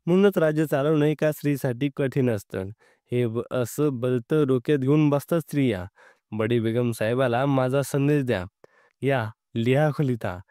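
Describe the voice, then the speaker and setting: Storybook general, arrogant and angry, barking orders, read by a male narrator in a smooth, dry voice. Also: mid-range voice, normal speed, mellow, no room sound, lightly acted. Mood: scornful. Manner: commanding, scornful.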